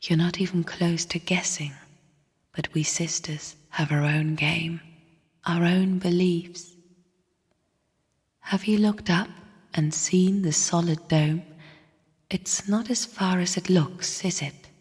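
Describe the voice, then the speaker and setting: A bleak, bitter female spirit, sister of a dying void, delivers a video game character monologue in a very breathy whisper. Her fairly low, steady voice is exaggerated, slow, and hushed, with a cryptic, taunting, scornful mood. A long reverberant hall echo surrounds her.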